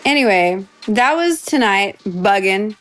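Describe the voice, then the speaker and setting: A woman's voice: medium pitch, animated, a little slow, a bit bright, soft background music. A woman hosting a radio show, chatting casually with a guest, bubbly and joking as she goes. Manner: bubbly, laughs often and jokes around.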